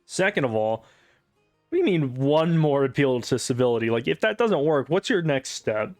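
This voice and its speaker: A man's voice: mid-range voice, very animated, normal speed, darkish tone, dry recording, clean studio sound, soft background music. Profane sarcastic gamer man. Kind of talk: casual gameplay commentary.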